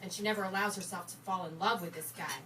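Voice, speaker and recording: An actress performing a monologue as a jaded young woman, telling it in a wry, deadpan way with a bitter edge. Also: fairly low pitch, quick pace. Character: sardonic young woman, jaded about romance. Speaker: stage actor performing a monologue. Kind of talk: theatrical monologue. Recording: distant mic, noisy background.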